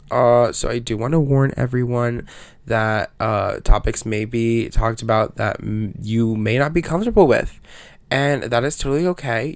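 A man's voice: mid-range voice, gravelly, no room sound. Congested man chatting on a solo podcast. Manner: rambling and self-interrupting, with slangy swearing. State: congested from allergies. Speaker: podcast host. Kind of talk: casual solo podcast chat.

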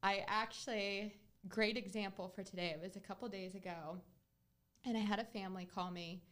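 A woman's voice: mid-range voice, fairly even intonation, brisk, a bit bright. A woman hosting a podcast, talking casually and earnestly as she tells a client story. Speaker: podcast host, real estate agent.

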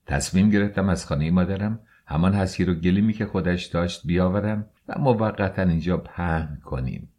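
A male audiobook narrator with a deep, low-pitched voice. He reads in a measured, unhurried way, and his tone is husky. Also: warm tone. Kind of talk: scripted narration.

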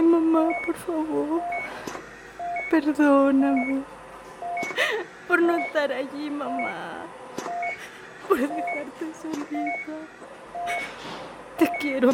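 A woman's voice: high voice, very noisy. An actress playing a frantic daughter pleading over her dying mother, in a radio drama. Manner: pleading, tearful, desperate.

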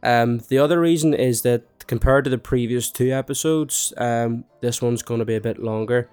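A man's voice: mid-range voice, normal speed, darkish tone, clean tone. Young guy with a cold, nasal and bunged up, chatting away on his podcast, faint music behind. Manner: chatty, self-mocking, with fillers. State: congested with a cold. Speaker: podcast host. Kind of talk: casual podcast monologue.

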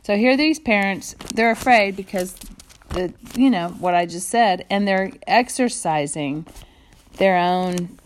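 A woman's voice: medium pitch, unhurried, slight background noise. A woman informally explaining a Bible passage, talking conversationally and paraphrasing the verses, recorded on a phone. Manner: conversational, paraphrasing, animated when quoting. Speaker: Bible teacher.

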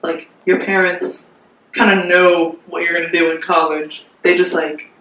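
Young woman co-host, bright tense tone, rambling casual chat, distant mic, roomy echo. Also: lowish voice, flat delivery, measured pace. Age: young adult. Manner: rambling with many "like" fillers, teasing. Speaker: podcast co-host. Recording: echoey room, a bit off-mic, faint noise.

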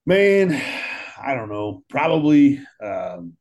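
A man's voice: medium pitch, sing-song, slow pace, a little mellow. A man in his thirties with an American accent, a firefighter talking earnestly in a casual chat and often repeating words as he thinks. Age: 30s. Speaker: firefighter guest.

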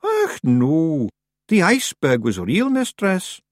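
Storybook casting: tiny Scottish fairy scamp, high, swooping, eager and none too bright. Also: male voice, takes it slowly, no room sound, clean studio sound, heavily acted. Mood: cheerful, assured. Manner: excitable, earnest, dialect-heavy. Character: Daft Wooly, tiny male fairy rogue, eager, nervous, simple.

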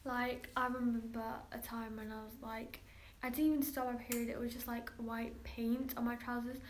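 A woman's voice: on the high side, flat delivery, normal speed, slight background noise. A woman chatting casually as a guest, using many filler words. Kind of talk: casual chat.

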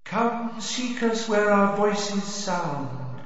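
A man voicing an eerie underwater chorus of merpeople, chanting slowly in a sing-song way. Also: sits high, big pitch swings, fairly bright tone, heavy reverb, in a large hall, pitched above the performer's own voice, exaggerated voice. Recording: dry, dull lo-fi recording.

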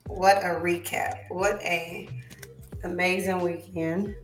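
A woman with a hoarse, worn-out voice, chatting casually and excitably in slang as host of a talk show. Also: lowish voice, slow, reverberant, low-quality recording. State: hoarse, voice nearly gone. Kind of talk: casual co-hosted chat show.

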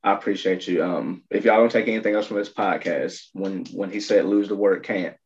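A man's voice: lowish voice, fairly quick, darkish tone. A podcast host talking earnestly and gratefully with his guest in a casual chat. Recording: dull lo-fi audio.

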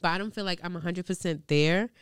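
A woman's voice: fairly low pitch, fast, clean tone, no echo, studio quality. A young woman hosting a podcast, talking candidly in slangy casual chat with plenty of swearing, a little congested. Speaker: podcast host.

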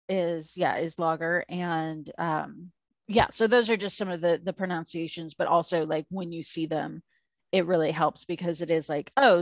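Low-pitched and filler-heavy, a podcast co-host chats casually, rambling and poking fun at herself. Her audio sounds dull and carries no room sound.

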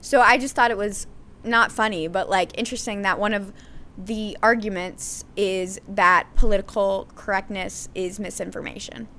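A woman's voice: mid-range voice, fairly even intonation, moderate pace, pushed and bright, a little hiss or hum. A woman hosting a solo podcast, talking candidly in a conversational way with frequent fillers and restarts, and a self-described sarcastic streak. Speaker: podcast host.

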